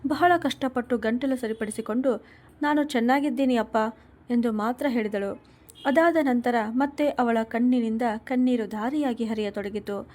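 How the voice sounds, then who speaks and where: A woman reading a scripted story aloud in an even, measured way, reading the quoted lines within her narration. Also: fairly high pitch.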